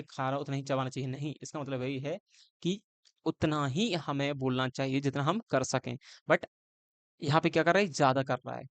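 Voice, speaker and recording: Man, exam-coaching teacher, slightly high pitch, dry close sound, asks and answers his own questions. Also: no echo. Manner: explains with repeated questions and answers; switches between Hindi and English phrases. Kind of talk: exam-prep lecture.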